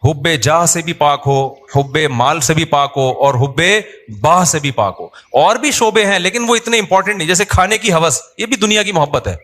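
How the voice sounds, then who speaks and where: A man's voice: a little high, animated, normal speed, few pauses, a bit bright. A middle-aged man, a religious teacher and imam, giving a conversational sermon with humour and little acted-out quotes. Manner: conversational, humorous, acts out quoted people.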